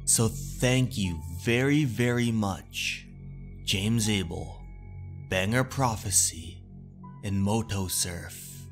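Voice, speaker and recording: A man's voice: on the low side, takes it slowly, soft background music. A man working as a storyteller and channel host, narrating and addressing his listeners. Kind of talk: dramatic narration and viewer thanks.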